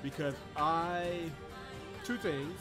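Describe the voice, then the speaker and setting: Streaming a story game from Georgia, US, this man talks with his chat in a fairly high voice and at an extremely slow pace. He's animated and chatty, laughing often and reading the game's text out loud into a desk mic, with the game's soundtrack music in the background.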